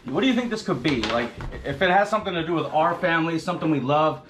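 Joking dad in an echoey room. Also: male voice, on the high side, quick pace. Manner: joking, rambling, excitable. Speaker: dad hosting a family unboxing vlog. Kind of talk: casual family chat. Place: family home at a table. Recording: echoey room with background noise.

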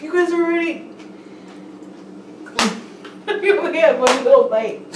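A woman's voice: high voice, a little slow. A young woman chatting casually with friends in a protesting, complaining way. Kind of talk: casual chat. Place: home kitchen indoors. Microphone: handheld camera at a distance. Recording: noisy echoey room, distant mic.

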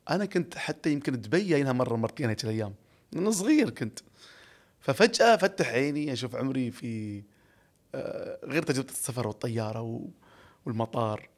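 A man in his forties with an Emirati Arabic accent, a podcast guest telling stories in an animated, reflective way, recorded close on a studio mic. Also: mid-range voice. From Ras Al Khaimah, UAE. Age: 40s. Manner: animated, gestures a lot, laughs often, reflective. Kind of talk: casual storytelling interview. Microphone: studio boom mic close up.

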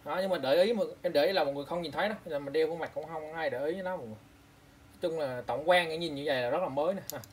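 A man from Vietnam with a slightly high voice talks casually to his viewers while showing off frames. He repeats prices and measurements often and keeps calling out to the audience. A faint room ambience sits under his voice. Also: very fast, slight background noise. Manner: chatty, repeats prices and specs, calls out to viewers. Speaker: online seller of used eyeglasses. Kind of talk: casual product showcase.

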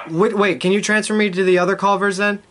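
A young man making a prank phone call in a halting, muddled, stammering way. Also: sits high, flat delivery, heavy background noise. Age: young adult. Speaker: prank caller. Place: small bedroom.

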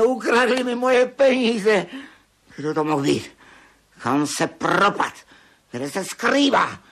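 Old miser father, gravelly and high-pitched, blustering and frantic. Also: a bit bright, full character voice. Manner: blustering, frantic when robbed. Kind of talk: radio play acting.

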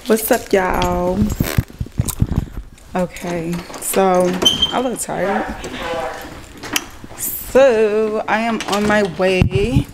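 A woman in her twenties talks through her day in a casual, slangy vlog, speaking frankly and at an unhurried pace. Her voice sits at a middling pitch, and clear background noise runs under it. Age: 20s. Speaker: vlogger.

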